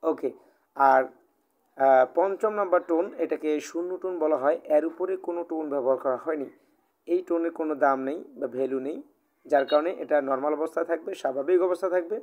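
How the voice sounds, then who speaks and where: A man's voice: fairly high pitch, fairly quick, lo-fi sound. Patient Bengali-accented man teaching Chinese. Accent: Bangladeshi Bengali. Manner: patient, repeats and rephrases, many "ah" fillers. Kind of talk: live online language class, oral exam.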